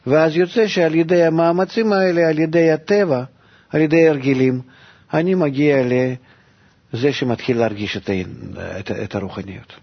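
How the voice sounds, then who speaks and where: A man explains a text to his students with a husky, breathy voice. He repeats words over and over and jumps up in pitch on the points he stresses. The recording is dull and lo-fi. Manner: repeats words, rising to emphatic bursts. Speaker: teacher. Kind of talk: explaining a text in a study lesson.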